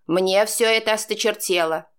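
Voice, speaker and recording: A woman's voice: medium pitch, normal speed, clean tone, close to an everyday voice. A woman voicing a worried, scolding middle-aged godmother aunt in an audiobook, demanding and exasperated. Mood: angry. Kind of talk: audiobook character reading.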